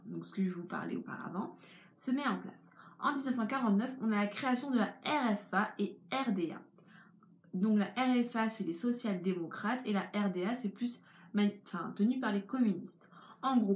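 A woman's voice: medium pitch, slight background noise. A young woman giving an informal history lesson, explaining step by step in a chatty way. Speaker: history tutor. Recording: echoey room with faint ambience.

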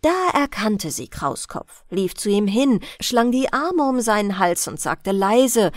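Slow, gentle woman telling a bedtime tale. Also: mid-range voice, sing-song, dry recording, clean studio sound. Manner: gentle, soothing storytelling. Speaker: audiobook narrator. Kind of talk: calm bedtime fairy-tale narration.

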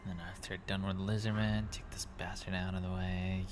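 A man's voice: low voice, flat delivery, moderate pace, noisy background. A man giving rambling gameplay commentary, thinking aloud and correcting himself as he goes. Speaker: gaming commentator.

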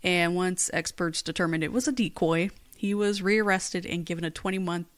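A woman's voice: lowish voice, normal speed. A woman co-hosting a casual podcast, reading out case facts in a plain recap with dry, blunt asides. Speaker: podcast co-host.

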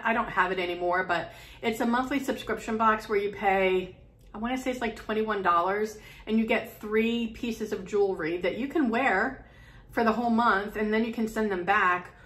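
With a mid-range, slightly bright voice, a middle-aged woman talks casually to camera from her home sewing room, filmed from the front in medium close-up. She meanders, often restarting and saying um.

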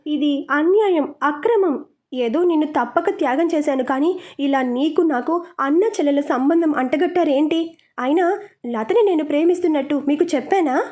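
A woman's voice: sits high, moderate pace, dark tone, lightly acted. A woman reading a story aloud voices a flustered young man in love who protests indignantly.

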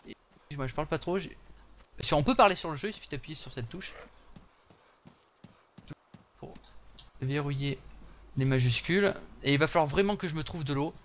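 A man's voice: a little high, a little fast, long pauses, slight background noise. A young man chatting through his gameplay for viewers, with joking asides. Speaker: gaming channel host. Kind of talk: live gameplay commentary.

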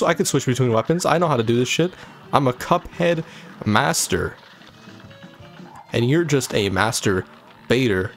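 Young male let's-play host, crude running commentary, average pitch, faint music under it. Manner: swears constantly, trash-talks the boss, rambling jokes. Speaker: gaming channel host. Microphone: desk microphone.

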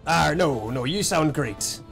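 A young man chatting over a game in a goofy put-on pirate voice, tossing in "arr" all the time. His voice is fairly high and very lively, with a gravelly edge, and soft game music plays behind him. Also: slow pace. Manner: jokey, says "arr" constantly, mock pirate talk. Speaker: streamer playing a pirate character. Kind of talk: casual gaming chat in a pirate voice.

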